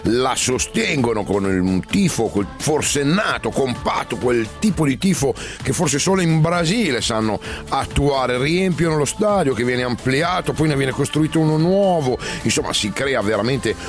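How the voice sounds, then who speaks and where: A man's voice: mid-range voice, animated, moderate pace. A man hosting and narrating football stories in a conversational, emphatic radio style. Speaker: narrator and host. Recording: music playing under the voice. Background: music.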